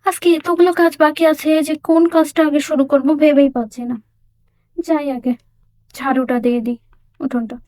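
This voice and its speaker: A woman's voice: high voice, steady tone, brisk, a little mellow, no echo, clean studio sound, close to an everyday voice. Worried village mother, voiced by a woman. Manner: worried, emotional. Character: poor village mother, hardworking, distraught. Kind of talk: doll story drama.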